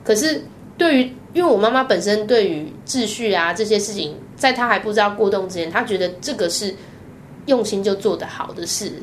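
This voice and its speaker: A woman's voice: mid-range voice, lively intonation, a little fast, slight background noise. A woman with a Taiwanese Mandarin accent shares candid stories from her own life as an interview guest. Her mid-range voice moves up and down as she talks. She laughs often and puts on the voices of the people she quotes. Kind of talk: candid personal storytelling.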